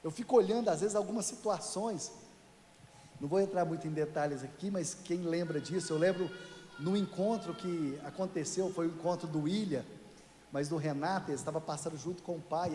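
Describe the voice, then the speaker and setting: A man's voice: a little high, warm tone, a little hiss or hum. A man from Brazil, a pastor preaching a sermon in a chatty, joking way to his congregation, often calling them "dear". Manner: addresses listeners as "querido". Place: church sanctuary. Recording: echoey church hall.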